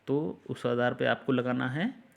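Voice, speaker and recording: A male teacher giving a classroom-style grammar lesson, at an ordinary middle pitch. He walks through each example slowly, repeats the key sounds and keeps putting questions to his students. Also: creaky. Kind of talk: Hindi grammar lesson on English articles.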